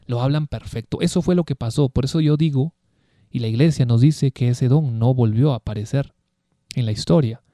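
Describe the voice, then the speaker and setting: Male preacher, emphatic teaching style, keeps asking rhetorical questions, mellow tone. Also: medium pitch, fairly quick, no echo, clean studio sound. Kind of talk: Bible teaching sermon.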